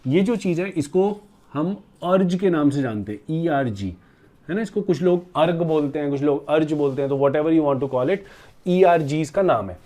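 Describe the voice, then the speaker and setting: A man teaches physics to a class in a dark, mellow voice that sits a little above the usual pitch. He works through each step and keeps asking his students questions, and he calls them by fond pet words. He mixes into the lesson, spoken. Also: lively intonation, moderate pace. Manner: explains step by step, often asks students questions; calls students "beta" and "bachche" fondly. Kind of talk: classroom lecture at a board.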